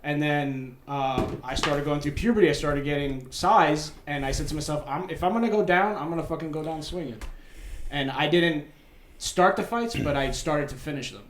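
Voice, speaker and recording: A man's voice: on the high side, moderate pace, fairly bright tone, roomy sound, slight background noise. A man who grew up in New York, telling stories bluntly in a casual podcast chat, swearing often.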